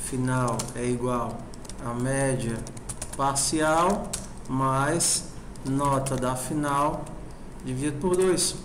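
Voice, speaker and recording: A man's voice: medium pitch, takes it slowly, fairly bright tone. A man teaching a programming class in a classroom, talking informally and checking in with the class often. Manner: informal, asks the class constant check questions. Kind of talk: classroom lecture. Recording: roomy classroom recording with faint noise.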